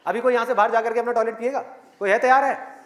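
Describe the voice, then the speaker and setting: A man giving an emphatic motivational talk to a live audience, firing rhetorical questions and dropping from loud to hushed. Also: very high voice, fairly even intonation, quick pace. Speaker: motivational speaker. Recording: echoey hall with audience.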